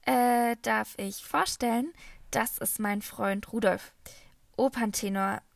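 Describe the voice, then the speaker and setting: A woman reading an audiobook, voicing a cheerful, bubbly woman in a high, sing-song, gushing voice. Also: fairly even intonation, slow pace, gravelly, dry recording. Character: cheerful bubbly woman, the narrator's aunt-like host.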